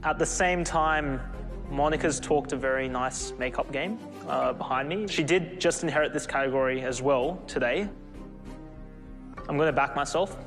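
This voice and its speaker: A man speaking unscripted as a game show contestant, thinking aloud in a measured way. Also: on the high side. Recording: echoey studio hall with music.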